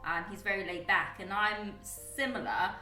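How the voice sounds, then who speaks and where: A woman's voice: medium pitch, steady tone, normal speed, sharp tone, reverberant, distant mic, faint music behind, poor audio. A young woman from Guyana and the UK chatting casually as a podcast host, rambling with lots of fillers and restarts. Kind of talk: casual chat.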